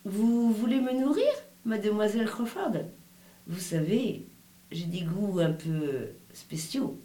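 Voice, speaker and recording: A man's voice: animated, slow, mellow. A woman putting on a cold, smug seducer. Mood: seductive. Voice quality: low, grave voice. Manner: smug, suggestive. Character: cold, arrogant billionaire man, seductive. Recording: roomy echo.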